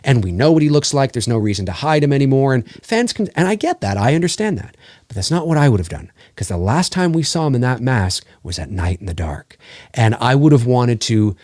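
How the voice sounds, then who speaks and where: A man's voice: mid-range voice, big pitch swings, a little fast, darkish tone, dry recording, clean studio sound. A man, a voice actor guest on a podcast, talking at length in casual chat, often restarting and groping for words. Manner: talkative, gropes for words and restarts mid-thought.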